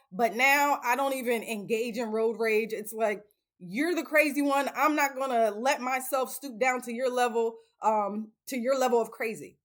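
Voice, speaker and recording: Earnest woman in her late thirties. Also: high voice. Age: 30s. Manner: earnest, emphatic, repeats phrases for stress. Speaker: self-help channel host. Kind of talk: casual motivational talk to camera.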